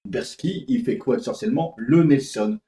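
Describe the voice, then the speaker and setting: Male vlogger telling a story, hesitant and rambling, warm tone, roomy sound. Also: mid-range voice, normal speed. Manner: rambling, hesitant, many fillers and restarts. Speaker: comics vlogger. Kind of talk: casual storytelling vlog.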